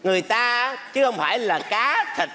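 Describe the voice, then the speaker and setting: A man's voice: very high voice, expressive, normal speed, bright, forceful tone, full character voice. A man playing an indignant bride's father. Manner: indignant, protective. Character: proud, stubborn father of the bride. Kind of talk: stage comedy sketch. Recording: stage with long reverb.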